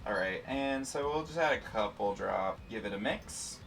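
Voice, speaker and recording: Bright, forceful man explaining an experiment. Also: fairly low pitch, lively intonation, moderate pace, gravelly, far from the mic, a little hiss or hum. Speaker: science show host and demonstrator. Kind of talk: casual, playful lesson explaining an experiment.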